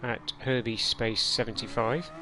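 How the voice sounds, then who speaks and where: A man's voice: medium pitch, steady tone, a little slow. A man giving casual commentary on his own online racing game stream, chatty and self-deprecating, muttering to himself as he drives. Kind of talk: live gameplay commentary. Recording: noisy game audio behind voice.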